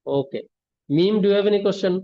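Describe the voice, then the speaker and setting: A man with a high, warm voice speaks slowly while teaching English online, going word by word through meanings, blending in English terms, and checking with students by asking "ঠিক আছে?" after each point. It's picked up by a video-call mic in flat, lo-fi class audio.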